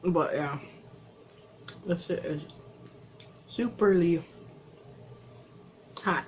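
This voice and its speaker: A woman talks slowly and casually into her phone while eating, her mouth burning from spicy food. Her words come out drawn-out between bites, with self-mocking laughs. A faint hum sits behind her. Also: fairly low pitch, a little mellow. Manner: slow, breathy talk between bites, laughing at herself. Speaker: vlogger. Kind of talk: casual vlog chat. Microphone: phone camera.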